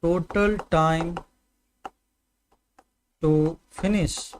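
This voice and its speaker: A man's voice: fairly high pitch, steady tone, very slow, a little hiss or hum, low-quality recording. A man with an Indian accent teaching a maths class, explaining patiently, repeating points and checking in with his students. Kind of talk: online maths lesson.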